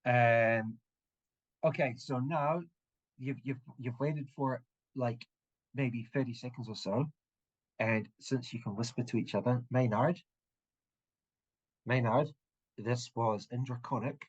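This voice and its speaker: Husky, halting game master. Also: male voice, medium pitch, steady tone. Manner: halting, full of fillers and restarts. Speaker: dungeon master. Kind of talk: narrating a tabletop game. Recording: dull, muffled audio.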